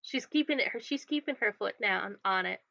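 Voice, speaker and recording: A woman's voice: mid-range voice, lively intonation, a little fast, gravelly, sharp tone, no room sound. A woman running a tabletop game as game master, casually describing the action step by step. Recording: dull, dry lo-fi sound.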